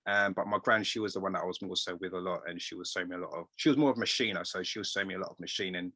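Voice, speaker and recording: A middle-aged man, a tailor being interviewed, telling stories in a rambling, animated way and quoting voices. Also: low voice, very fast, dry recording. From England. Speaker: guest tailor. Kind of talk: casual interview storytelling.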